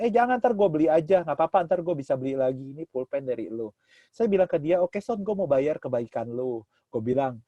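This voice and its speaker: A man's voice: a little high, dark tone, dry recording, lo-fi sound. A man telling a personal story to an audience as a motivational speaker, acting out the dialogue in a livelier voice.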